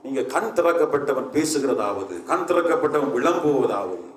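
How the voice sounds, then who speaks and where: A man's voice: mid-range voice, very animated, moderate pace, echoey room, recorded from a distance, slight background noise. A man preaching a sermon as pastor, with emphatic, repetitive calls that rise in force.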